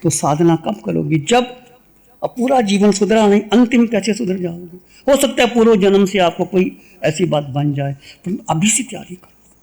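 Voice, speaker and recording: A man giving a religious sermon and a guided meditation, speaking in a measured way and repeating short phrases. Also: high-pitched, gravelly, darkish tone. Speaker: Jain monk giving a discourse.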